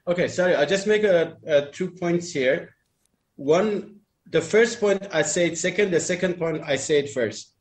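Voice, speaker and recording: Talkative rambling man, higher voice. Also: moderate pace. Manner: rambling, self-correcting non-native phrasing. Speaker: group chat participant. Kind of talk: casual group discussion.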